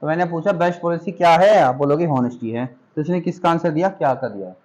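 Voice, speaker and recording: A man's voice: a little high, fast talker, darkish tone, poor audio. A man teaching a classroom grammar lesson, patiently asking questions, repeating points and checking that his students follow. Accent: Hindi.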